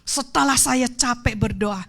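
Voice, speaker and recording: High bright-voiced woman preacher. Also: unhurried, creaky. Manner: swings between hushed whispers and loud fervent exclamations; addresses the congregation as "saudara" and mixes in English phrases. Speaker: evangelist preacher. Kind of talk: emotional testimony sermon. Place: church sanctuary.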